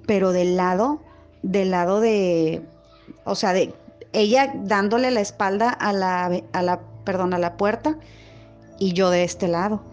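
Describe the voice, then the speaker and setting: A woman's voice: medium pitch, a little slow, darkish tone, soft background music. A woman telling her own scary experience casually, rambling and circling back as she talks. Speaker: follower telling her own ghost story. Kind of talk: casual spoken storytelling. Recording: lo-fi voice message.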